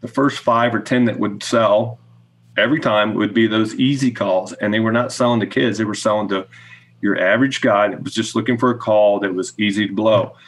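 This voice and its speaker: Here the goose call maker, a middle-aged podcast guest on video call, talks a little fast in a steady, fairly low voice. He keeps his explanations casual and down-to-earth, from a small indoor room fitted with wooden shelves.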